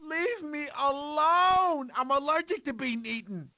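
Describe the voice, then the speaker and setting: An actor playing a cowardly, talkative male sloth in an animated video game, with an excitable, theatrical, whiny delivery. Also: very high-pitched, a little slow, a little hiss or hum, full character voice. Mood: panicked, whiny.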